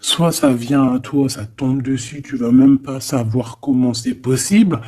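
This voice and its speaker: A man with a medium-pitched, darkish voice gives a casual, improvised tarot reading at a measured pace. Acting as host and card reader, he addresses the listener familiarly, hesitating, repeating phrases, and tagging lines with frequent "hein."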